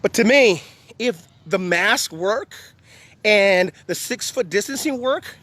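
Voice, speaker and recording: A man's voice: high voice, expressive, slow pace, fairly bright tone. A man, out of breath while walking outdoors and vlogging, talking in a blunt, combative way. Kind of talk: walking vlog. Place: outdoors at a park beside a long line of cars. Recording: faint street noise outdoors.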